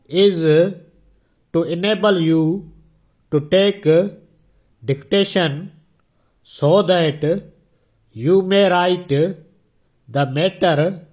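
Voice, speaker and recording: A man reading slow school dictation as a shorthand instructor, measured and deliberate, pausing after every few words and speaking the punctuation aloud. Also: high-pitched. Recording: dull lo-fi recording.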